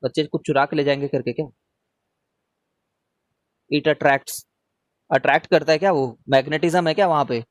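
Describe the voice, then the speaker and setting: A male teacher leads a relaxed live revision class at normal speed with long pauses, his voice a little higher than most men's. Chatty and loose, he keeps checking that students follow and takes their read-out questions one at a time. The sound is dry and close, with no room echo.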